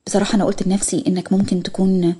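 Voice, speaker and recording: A woman with an Egyptian accent voicing a shy young female student who speaks softly and hesitantly. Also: mid-range voice, little pitch movement, rapid-fire, slightly rough, natural voice. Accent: Egyptian Arabic. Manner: soft, hesitant.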